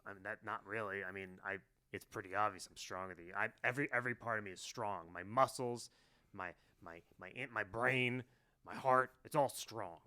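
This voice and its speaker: Guy putting on a big grumbly orc warrior, mutters low, bright-ish voice. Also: fairly quick. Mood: gruff. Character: huge brooding male orc warrior, gruff, secretly wants to cry. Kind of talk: improvised tabletop role-play.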